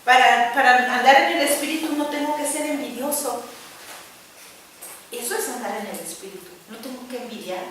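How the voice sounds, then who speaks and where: A woman's voice: high-pitched, moderate pace, a bit bright. A woman preaching a sermon to a church gathering, earnest and conversational, often checking that her listeners agree. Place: church hall. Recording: distant mic in an echoey church hall with faint noise.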